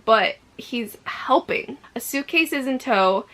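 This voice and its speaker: Woman, book vlogger, casual and upbeat, effusive, raised pitch, very bright tone, mildly froggy allergy voice. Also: lively intonation, slow pace. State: slightly croaky, allergy-affected voice. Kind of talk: casual chat to camera about books.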